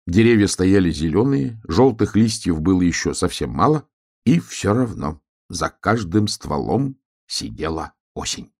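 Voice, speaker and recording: A man reading a children's tale aloud, expressive and hushed at quiet moments. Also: deep voice, a little slow. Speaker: storyteller.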